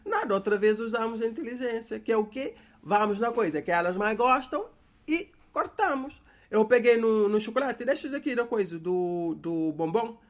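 A man's voice: sits high, lively intonation, moderate pace. A man from Cape Verde with a Cape Verdean accent, telling a comic story about his daughter straight to his viewers in a chatty way. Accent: Cape Verdean Portuguese. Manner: chatty, addresses viewers directly. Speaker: comedy creator.

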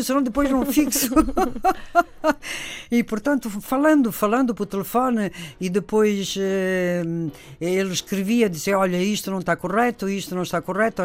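An older woman from Italy with an Italian accent, telling stories as a radio interview guest in an animated, expansive way. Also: mid-range voice.

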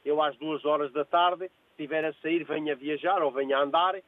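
A man's voice: on the high side, steady tone, a little fast, no echo. An older man born in Angola, calling in from work to a radio show, chatting and often repeating himself. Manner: repeats phrases, hesitant restarts. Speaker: caller. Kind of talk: phone-in chat. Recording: tinny phone line.

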